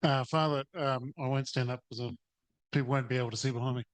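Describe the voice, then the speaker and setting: A New Zealand man, a teacher, poses a lengthy audience question at a conference seminar while sitting in a conference or webinar room, stumbling through restarts and filler words. He speaks quickly in a steady, mid-range voice.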